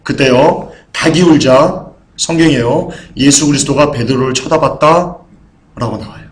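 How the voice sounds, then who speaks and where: A man preaching a sermon as pastor, building from quiet low talk to loud impassioned preaching and acting out blunt quoted speech. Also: moderate pace. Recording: echoey church room.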